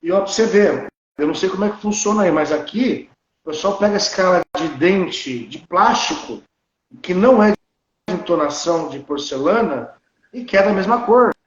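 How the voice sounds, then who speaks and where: A man's voice: sits high, lively intonation, normal speed, echoey room, muffled recording, a little hiss or hum. A man in his thirties from Brazil, a dentist speaking bluntly and animatedly in casual conversation. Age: 30s.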